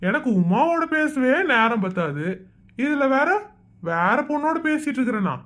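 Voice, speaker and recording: This is a cartoon husband caught in a lie, as a woman plays him, flustered and full of excuses. The voice sits high for a man. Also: big pitch swings, moderate pace, a bit bright. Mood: nervous, defensive. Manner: nervous, flustered, making excuses. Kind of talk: cartoon voice acting.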